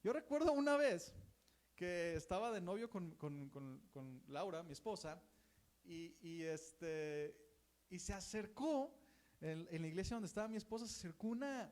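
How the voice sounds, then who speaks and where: A man's voice: high voice, animated, moderate pace, darkish tone. A man with a Mexican Spanish accent preaching a conversational sermon and acting out the voices of gossiping churchgoers.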